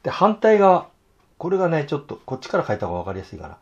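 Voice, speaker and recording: A hoarse man teaching fountain pen illustration, talking to himself in halting asides as he draws. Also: fairly high pitch, huge pitch swings, darkish tone, dull audio. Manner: talks to himself while drawing, halting, murmured asides. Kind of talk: casual drawing tutorial.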